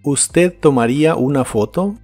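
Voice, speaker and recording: A man teaching English to Spanish speakers in a scripted lesson, pronouncing each word slowly and carefully. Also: on the high side, mellow, slightly rough, soft background music. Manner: slow, careful model pronunciation of English words.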